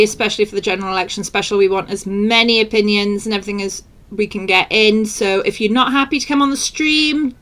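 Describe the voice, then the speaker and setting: Chatty woman co-host, on the high side, casual and lively. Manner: chatty, lively, quick asides. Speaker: podcast co-host. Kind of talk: casual chat.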